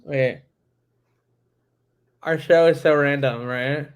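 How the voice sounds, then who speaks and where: A man co-hosting a casual podcast chat, joking and teasing in an animated way. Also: on the high side, slow, clean tone. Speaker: podcast co-host.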